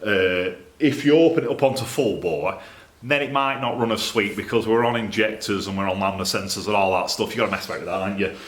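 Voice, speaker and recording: Quick-paced and on the low side, this man's voice has a fairly bright tone and a Northern English accent. Inside his small, cluttered workshop, the exhaust fabricator and video presenter muses aloud to camera in a casual, rambling manner, with echoey room sound.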